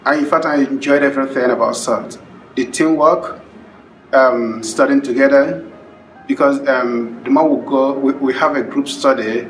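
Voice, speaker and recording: A man enthusiastically giving a personal testimony, with frequent restarts. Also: medium pitch. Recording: roomy, distant recording.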